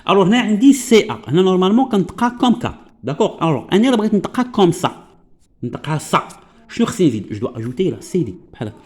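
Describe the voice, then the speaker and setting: A man with a Moroccan Arabic accent teaching French pronunciation. He explains patiently, often checks that listeners follow, and says example words slowly. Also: sits high, very animated, a little mellow, breathy edge. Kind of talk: classroom-style lesson explanation.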